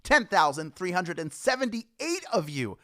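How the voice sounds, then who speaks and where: Male trivia host, playful and chatty, slightly higher voice, dry close sound. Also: very animated, measured pace, pushed and bright, no room sound. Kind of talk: live trivia show hosting.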